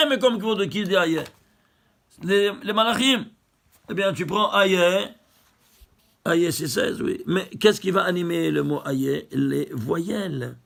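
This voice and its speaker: A man's voice: high-pitched, vocal fry, fairly bright tone. A man, a rabbi, giving a Torah lesson, emphatic and marveling aloud, asking rhetorical questions and answering them himself.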